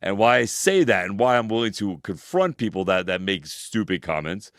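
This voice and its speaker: A man in his forties speaks in a deep, low voice, sounding dry and close to the mic. He talks emphatically and preaches to his listeners in a casual podcast chat, swearing freely. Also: very animated, moderate pace, a bit bright, no echo. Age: 40s. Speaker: podcast co-host.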